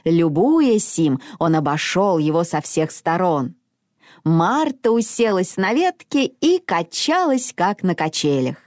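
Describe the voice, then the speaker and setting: A woman reading a children's story aloud. Her pitch moves up and down expressively, and she reads slowly and carefully. The sound is dry and close. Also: no echo. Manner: expressive, animated narration.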